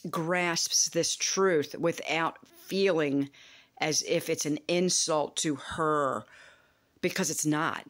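A woman in her fifties giving a rambling, emphatic self-help monologue, with frequent swearing. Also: sits low. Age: 50s. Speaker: vlogger.

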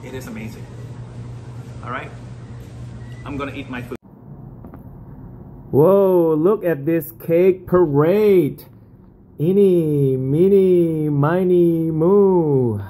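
A man's voice: fairly high pitch, warm tone, low-quality recording. A man in his forties vlogging a meal in a small restaurant, enthusiastic and savoring every bite. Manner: enthusiastic, savoring food with drawn-out exclamations. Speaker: food vlogger. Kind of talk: casual food vlog. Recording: restaurant noise behind.

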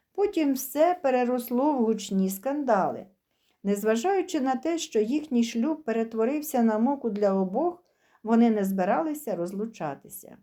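Woman reading a story out loud, steady and even, kinda high but mellow warm tone. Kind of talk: scripted story narration.

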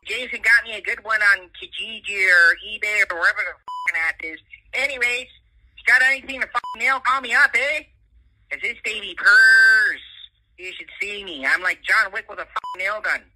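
A man's voice: sits high, moderate pace, noisy background. A man voicing a blunt, folksy, foul-mouthed Canadian uncle leaving a comedic voicemail, heard through a phone speaker. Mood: boastful, cheerful. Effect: phone voicemail playback. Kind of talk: comedic phone message monologue.

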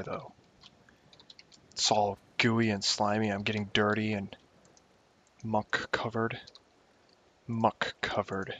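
With a voice on the low side and a bit bright, a young gaming YouTuber rambles and jokes at himself while playing at home, talking to himself throughout his casual commentary. The home recording is dull and lo-fi.

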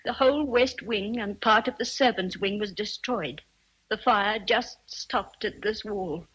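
An English-accented actress plays a kindly, motherly old housekeeper in a BBC radio drama, tender and grave. Her medium-pitched voice is a little slow, a bit bright and breathy, captured in a low-quality recording.

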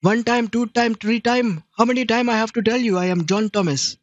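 Speaking fairly quickly in an extremely high pitch, a scam baiter acts out a confused victim, teasing the caller with broken English in an affected Indian accent. The audio is lo-fi but has no echo.

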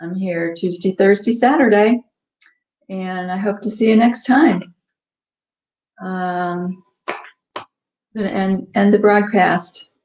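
A woman's voice: medium pitch, slow, pauses often. A woman hosting a casual live cooking stream from a home kitchen, chatting with many ums and eating as she talks. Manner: relaxed, chatty, many ums, tasting and eating while talking. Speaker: cooking show host. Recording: echoey, dull livestream audio.

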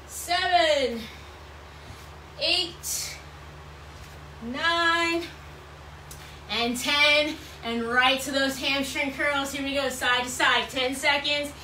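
A woman's voice: sits high, takes it slowly, pauses often, sharp tone. A woman in her thirties working as an aerobics instructor, calling out moves and counts with repetitive, encouraging cues while she exercises. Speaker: fitness instructor leading a workout. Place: small bright room at home, indoors. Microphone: camera or phone several feet away. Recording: roomy, distant mic, clear background noise.

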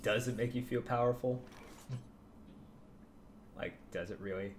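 Laid-back male co-host, mid pitch, dry humor. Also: measured pace, slight background noise. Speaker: co-host streamer. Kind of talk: casual gameplay chat.

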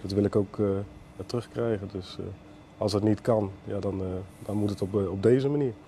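A police officer hesitantly explains why a man was arrested. His voice is fairly low and mellow. There is faint background noise. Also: steady tone, normal speed. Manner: hesitant, many fillers. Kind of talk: interview statement.

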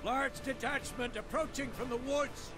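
An actor voicing an urgent fighting man in a video game, calling out battle orders in long shouts. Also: extremely high pitch, fairly even intonation. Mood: urgent, alarmed. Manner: urgent, drawn-out shouted calls. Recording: distant calls under loud game music.

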